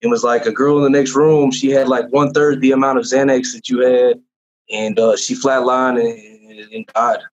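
A man's voice: mid-range voice, level tone, moderate pace. Man, young adult, earnest and rambling, testimony, muffled lo-fi recording. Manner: earnest, rambling, with many fillers and restarts. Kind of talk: personal testimony in casual conversation. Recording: dull lo-fi sound.

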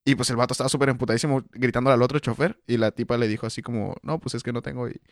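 A man's voice: medium pitch, fairly even intonation, very fast, no room sound, clean studio sound. A young man co-hosting a podcast, telling a rambling anecdote with fillers. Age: young adult. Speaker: podcast co-host. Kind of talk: casual storytelling chat.

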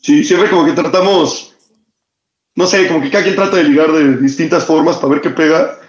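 A young man with a Mexican accent chats casually, full of slang and quick laughs. His voice sits high for a man. The room around him echoes noticeably. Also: steady tone, muffled recording. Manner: slangy, storytelling, laughs often. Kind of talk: casual chat.

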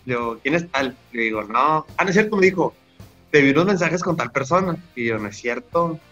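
Young mexican guy rambling thru a story, lots of slang, bright edgy voice, kinda muffled audio. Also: a little high, animated, a little fast, soft background music. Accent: Mexican Spanish. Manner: rambling, slangy, full of restarts. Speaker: podcast guest. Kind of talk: casual storytelling.

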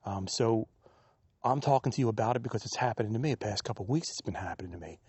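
A man hosting a podcast, musing aloud in a soft-spoken reflective monologue while walking a quiet wooded trail, captured on a handheld digital recorder without a windscreen. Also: lowish voice, animated, quick pace, husky, no echo. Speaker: podcast host. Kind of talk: reflective solo monologue on a walk. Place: outdoors on a quiet wooded trail in a state park.

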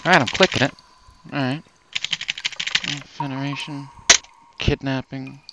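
A man improvising a comedy sketch, exasperated and deadpan. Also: medium pitch, a little slow, heavy background noise. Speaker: comedy podcast co-host.

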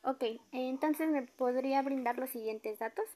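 A woman's voice: high-pitched, unhurried, mellow. A woman with a Mexican accent playing a courteous complaints officer in a role-play, using a polite, formal customer service voice. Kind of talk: amateur acted role-play.

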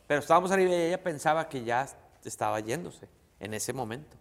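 A man's voice: fairly high pitch, animated, quick pace. A middle-aged man with a Mexican accent, a comedian telling a family story in slangy, crude, rambling talk full of restarts. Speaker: guest comedian. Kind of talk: casual storytelling. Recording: long reverb.

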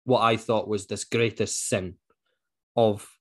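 A man's voice: lowish voice, slow pace. Male Scottish co-host, informal conversational storyteller who dramatises reported speech. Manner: animated retelling, acts out quoted speech. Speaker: book club podcast co-host. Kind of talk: casual chat, anecdotal storytelling.

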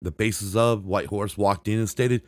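A low-voiced man narrates rock history for his podcast from a script, steady in tone and at normal speed, with no echo. He keeps restarting and correcting himself, saying "and I quote" and "end quote" around quotations.

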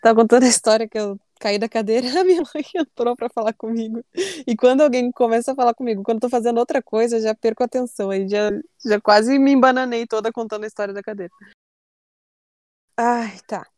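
High, lively young woman telling a story. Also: fast talker, dry recording, clean studio sound. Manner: animated, acts out her own shouts and quotes. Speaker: storyteller guest. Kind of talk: casual storytelling chat.

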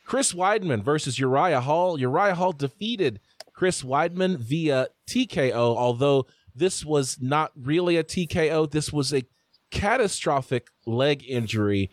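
A man's voice: on the high side, a little slow, no echo. A man hosting a casual sports podcast, leading the chat and telling stories with restarts. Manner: animated, talks through stories with restarts. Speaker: podcast host.

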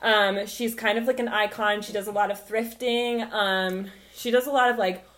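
A woman's voice: medium pitch, steady tone, normal speed, a bit bright. A young woman in her twenties co-hosting a podcast, chatting casually and leaning heavily on fillers like "like" and "um". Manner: laid-back, heavy on fillers like "like" and "um". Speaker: podcast co-host. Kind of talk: casual chat.

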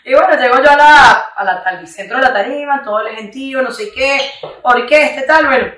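A woman's voice: high-pitched, a little fast, fairly bright tone. A woman with a Venezuelan Spanish accent tells a story in a casual chat. She laughs often and acts out the lines of the people in it. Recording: echoey room, mic at a distance.

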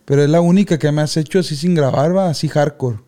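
A young man, telling childhood stories in casual podcast chat with loud outbursts. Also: fairly high pitch, fast. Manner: animated slangy storyteller, loud outbursts. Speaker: podcast co-host.

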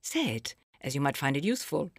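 A woman narrating a scripted audio language lesson, explaining phrases slowly and clearly for the listener to repeat. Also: deep voice, big pitch swings, no echo, clean studio sound. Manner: slow, clear teaching delivery with pauses for repetition.

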